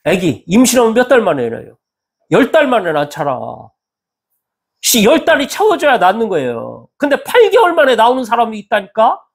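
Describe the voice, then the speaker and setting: A male pastor preaching a sermon in a church, animated and acting out the voices of people he quotes. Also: high-pitched, fairly quick, vocal fry. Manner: animated, acts out quoted speech with lively swings in tone.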